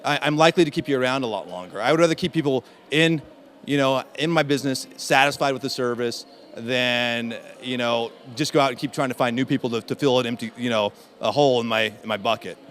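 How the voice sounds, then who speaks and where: Guy chatting at a conference interview, lots of ums and restarts, mid pitch. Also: fairly bright tone. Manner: chatty, halting, many fillers and restarts. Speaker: interview guest, in-house SEO specialist.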